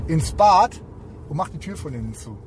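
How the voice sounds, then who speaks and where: Man, slightly high voice, casual rambling storyteller, lots of fillers, inside a car, loud road noise behind. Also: sing-song, normal speed. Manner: rambling anecdote telling with many fillers. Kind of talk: casual chat.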